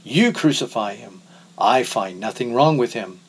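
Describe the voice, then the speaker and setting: A man reading aloud the lines of a wary Roman governor in a measured, plain voice. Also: mid-range voice, animated, breathy edge, rough recording. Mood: stern. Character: wary Roman governor, male, weary authority.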